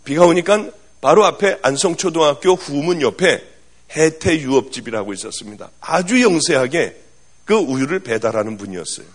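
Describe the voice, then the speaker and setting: Husky, animated male pastor. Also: a little high, moderate pace. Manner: animated storytelling, swinging from loud to hushed. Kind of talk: storytelling sermon.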